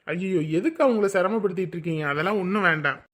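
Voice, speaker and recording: A man playing a dutiful village son who gently reassures his family before leaving for work. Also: high-pitched, fast talker. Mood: polite. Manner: gentle, reassuring, repeats "சரியா?". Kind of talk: web drama acting.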